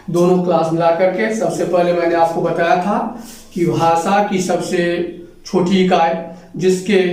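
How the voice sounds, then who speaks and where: A man's voice: high-pitched, darkish tone. A man teaching children, patiently explaining and sounding out letters one at a time. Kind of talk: Hindi grammar lesson for children. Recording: echoey room, voice from far off the mic.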